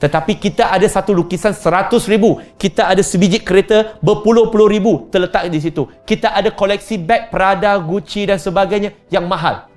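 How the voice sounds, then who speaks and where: A man with a Malaysian accent giving a religious lecture, animated and mixing in English phrases. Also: high voice, a little fast, soft background music. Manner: animated, mixes in English phrases, acts out dialogues. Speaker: preacher.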